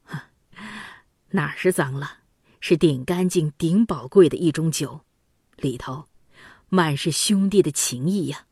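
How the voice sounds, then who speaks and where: A woman's voice: low voice, a little slow, pauses often, darkish tone, breathy edge, no echo, clean studio sound, full character voice. A woman voicing a loyal young prince, an elder brother who pleads and cries out in grief, in a storybook reading. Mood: earnest.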